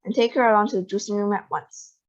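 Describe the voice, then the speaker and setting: A woman's voice: medium pitch, steady tone, fast, lightly acted. A woman voicing an eccentric, weary candy maker in a read-aloud storybook, sighing and rueful. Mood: matter-of-fact. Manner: sighing, rueful, matter-of-fact. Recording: dull lo-fi recording.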